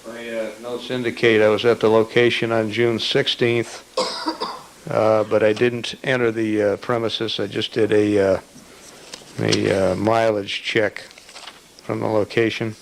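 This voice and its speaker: A man's voice captured in a courtroom recording, low and gravelly, with answers that stay flat and even. He testifies as a detective, terse and careful, weighing every word, with a faint hiss of noise behind him. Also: low-quality recording. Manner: terse, measured, cautious answers. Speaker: detective witness on the stand. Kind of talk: courtroom testimony under cross-examination.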